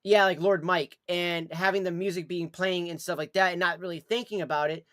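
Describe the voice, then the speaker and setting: A live streamer with a noticeably high-pitched male voice talks off the cuff in casual chat, rambling and repeating himself with blunt, sweary wording. His intonation is fairly even, his pace brisk and his tone fairly bright, and the sound is close and dry with very little room echo.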